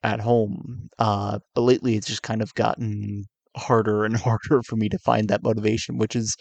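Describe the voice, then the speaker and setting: A tired YouTuber in his twenties who's coming down with a cold speaks to his viewers in a candid, confessional vlog. His voice is low and raspy with a level tone at normal speed, and he's hesitant and soft-spoken, full of fillers and restarts, on a dry recording.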